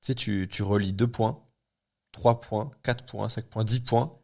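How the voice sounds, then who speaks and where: Young male guest, low-pitched, blunt and unfiltered, chatty with frequent hesitations, casual podcast talk. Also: fairly even intonation, a little slow, gravelly. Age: 20s. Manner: blunt, talks things through with many fillers and restarts. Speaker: guest entrepreneur.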